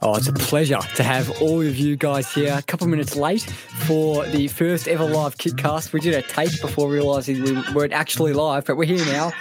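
A man's voice: on the high side, steady tone, a little fast, hardly any pauses, over music. A man hosting a live sports podcast in a jokey, mock-grand, casual way. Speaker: podcast host.

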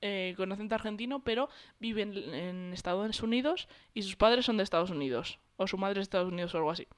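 A woman in casual chat, telling a story in an animated, gossipy way with many fillers. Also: medium pitch, quick pace.

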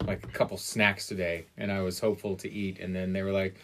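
A man's voice: deep voice, little pitch movement, fast talker, fairly bright tone. A man chatting casually with friends as a podcast co-host, rambling and swearing in mock argument. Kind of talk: casual banter among friends.

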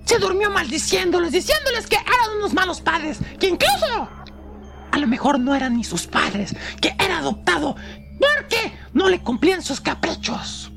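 A woman with a Mexican accent telling a horror story casually, with slang, jokes and dramatic pauses. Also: extremely high pitch, big pitch swings, creaky, music in the background.

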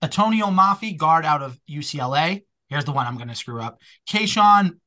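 A man with a Boston accent hosting a casual sports podcast, chatty and energetic. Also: fairly high pitch. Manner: energetic, chatty, quick asides. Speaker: podcast host.

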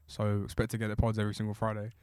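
A young man hosting a casual podcast, loud, joking and full of slang. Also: lowish voice, monotone, racing, clear, resonant tone. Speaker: podcast host. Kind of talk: casual chat.

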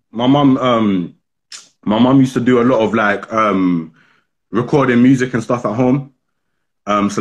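A man with a south London accent chatting casually as a guest, slangy and laid-back. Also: mid-range voice. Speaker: music artist guest. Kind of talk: casual interview chat.

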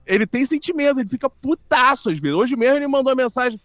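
A man telling stories in casual podcast chat, animated and foul-mouthed, acting out what people said. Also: very high-pitched, fast talker, dry recording, studio quality, faint music behind. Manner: animated storyteller, swears freely, acts out quotes. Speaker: guest comedian.

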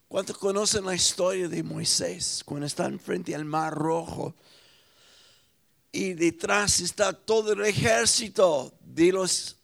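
A man preaching a sermon, swinging dramatically between loud proclamations and hushed, near-whispered lines. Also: high voice, vocal fry. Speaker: pastor.

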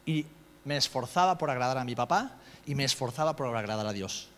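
A middle-aged man with a Spain Spanish accent preaches a sermon, his mid-range voice rising into loud, high-pitched outbursts and dropping to hushed storytelling. The voice carries a long reverb from a large hall. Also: animated, fairly quick.

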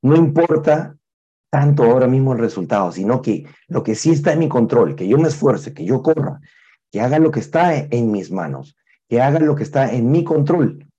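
A man's voice: mid-range voice, moderate pace, husky, lo-fi sound. A man telling a personal story with life lessons, acting out the voices of the people in it. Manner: animated storyteller, acts out the voices of others.

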